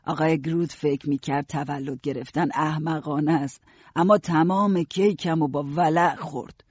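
A man narrating an audiobook in a steady first-person storytelling voice. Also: on the high side, husky, no echo, lo-fi sound.

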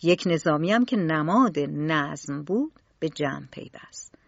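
A woman storyteller narrating a children's storybook in an expressive, varied way. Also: deep voice, vocal fry, no room sound. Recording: dull lo-fi recording.

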